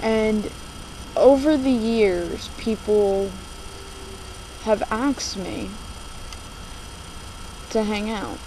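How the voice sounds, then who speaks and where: This video blogger is a young woman from the United States who was born in New Jersey and moved to Virginia. Speaking slowly and hesitantly in confessional, casual vlog talk, she has a warm, mid-range voice, captured in a noisy amateur laptop recording through the laptop's microphone.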